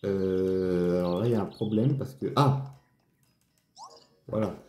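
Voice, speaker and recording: A man's voice: sits low, unhurried, darkish tone. Brief: man, let's play host, hesitant casual commentary, echoey room. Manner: thinks aloud, hesitant with many restarts and fillers. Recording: roomy echo, faint game music.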